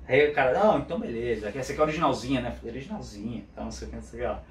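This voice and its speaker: A man's voice: medium pitch, rapid-fire. A man casually telling a story and acting out both sides of the conversations. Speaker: motorcycle vlogger. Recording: roomy room, mic at a distance, faint background hum.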